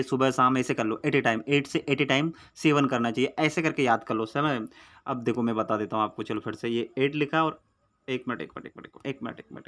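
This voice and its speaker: A man's voice: mid-range voice, a bit bright. A man teaching exam memory tricks in a chatty, coaxing way. He repeats his mnemonics over and over and keeps calling his viewers friend. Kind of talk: casual chatty Hindi lesson. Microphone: phone recording.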